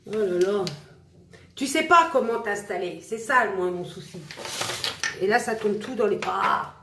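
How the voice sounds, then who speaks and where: A makeup vlogger with an animated, mid-range voice speaks unhurriedly in a reverberant space with a noisy background. On a casual tutorial livestream, she talks to viewers while applying makeup, full of self-mocking humor.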